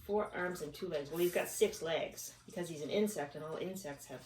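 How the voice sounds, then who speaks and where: Speaking fairly quickly in a low, slightly mellow voice, a woman expressively reads a kids' storybook at home and talks casually with a child between passages. Echo, a distant microphone and background noise colour the recording.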